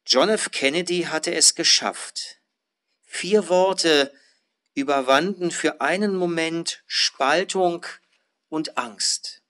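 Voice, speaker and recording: A male pastor giving an earnest, measured sermon, lifting his voice on emphatic phrases. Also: on the high side, a bit bright.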